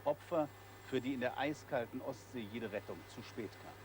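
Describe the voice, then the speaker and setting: A man's voice: medium pitch, moderate pace. A man reading scripted television documentary narration in short, clipped phrases. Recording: faint background noise.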